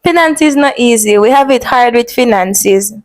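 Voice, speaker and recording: A woman's voice: on the high side, animated, moderate pace, no room sound. A woman from Jamaica, hosting a casual chat about student life and laughing often. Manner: laughs often, chatty and upbeat. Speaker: vlog host, medical student.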